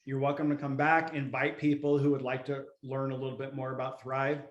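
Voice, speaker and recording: A man of middle pitch hosts a casual sales call from home in a relaxed, folksy manner. His voice comes through a video call in an echoey room. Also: brisk, lo-fi sound. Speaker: host of a sales opportunity call.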